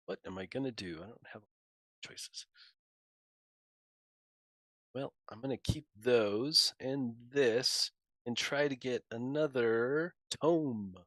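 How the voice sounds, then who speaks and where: A man playing a board game on a live stream, thinking out loud about his moves, joking and laughing easily. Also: mid-range voice, slow, long pauses, no echo. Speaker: guest player. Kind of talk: casual livestream chat while playing.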